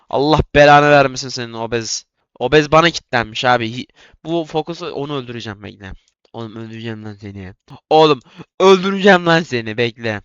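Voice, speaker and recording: A young man commentating his own gameplay in a casual way, excitable and trash-talking, jumping from yelling to muttering. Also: medium pitch, clean tone, no echo, dull audio. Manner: excitable, yelling and trash-talking, quick swings from loud to mumbling. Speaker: gaming YouTuber.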